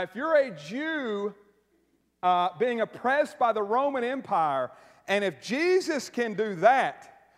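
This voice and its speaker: A man preaching a sermon to his congregation, animated and joking, tossing in frequent "right?" asides as he talks. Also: sits high. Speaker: pastor. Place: church sanctuary. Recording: long reverb of a large hall.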